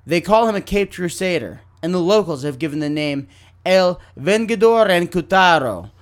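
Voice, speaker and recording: A man co-hosting a podcast in casual comedic chat, telling the story in a dry, deadpan way. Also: sits high, normal speed. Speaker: podcast co-host.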